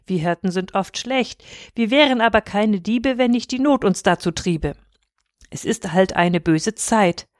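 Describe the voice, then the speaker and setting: A woman's voice: mid-range voice, unhurried, dry recording, studio quality, natural voice. A woman voicing a bitter, indignant middle-aged master shepherd who complains about injustice. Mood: resigned.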